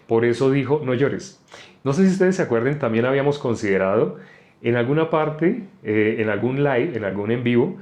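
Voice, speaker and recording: A man's voice: mid-range voice, a little mellow. A man preaching an informal Bible teaching. He talks in a conversational way and keeps asking his listeners questions. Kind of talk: informal sermon on a live stream.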